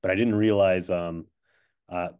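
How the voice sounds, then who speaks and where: Low-voiced man hosting a casual podcast. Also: steady tone, unhurried, a little mellow, clean tone. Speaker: podcast host. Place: office. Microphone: not his regular microphone.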